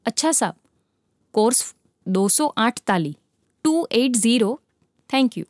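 A woman's voice: on the high side, animated, takes it slowly, darkish tone, no echo, clean studio sound. A woman voicing a deferential male ship's helmsman who gives clipped, respectful reports in a storybook reading. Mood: dutiful.

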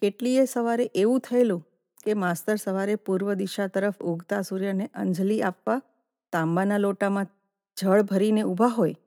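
A woman narrating a literary short story in a measured reading voice, giving the characters' lines in her own voice. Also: medium pitch, mellow, no room sound, clean studio sound.

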